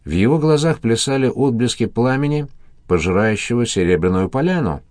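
A man narrating an audiobook in a steady, even reading voice. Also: mid-range voice, a little fast, no echo, studio quality. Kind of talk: scripted narration.

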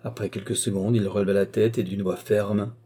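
A male audiobook reader narrates a classic novel in a measured, even way. His voice is low and dark, with a husky edge.

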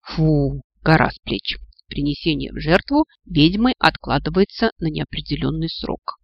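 Man narrating an audiobook, wry and high-pitched. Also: moderate pace, gravelly, no room sound, muffled recording. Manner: wry, lively first-person storytelling.

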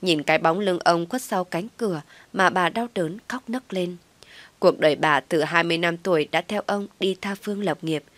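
A woman narrating a first-person family drama story in a calm, steady way. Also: on the low side, moderate pace, dry recording.

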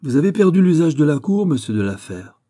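A man voicing a proud young male king who is quick to anger, speaking in a clipped, imperious way that rises in anger. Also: lowish voice, animated, warm tone. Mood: indignant.

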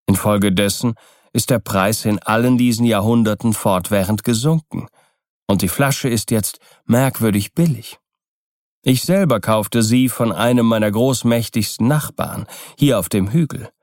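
A man's voice: fairly low pitch, a little mellow, no echo, studio quality, natural voice. A man voicing a sly, persuasive older seller in an audiobook reading. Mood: explaining. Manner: smooth, persuasive, measured explaining. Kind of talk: audiobook character voice.

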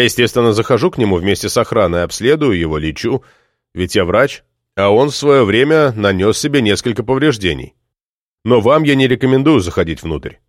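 A man's voice: fairly low pitch, no echo, clean studio sound, close to an everyday voice. A man voicing a stern, curt male doctor who speaks dismissively.

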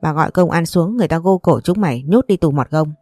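A woman's voice: lively intonation, fast talker, a little mellow, no echo, studio quality. Woman reading as a cursing old grandmother. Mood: outraged. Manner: cursing, shrill scolding. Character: furious, foul-mouthed old grandmother.

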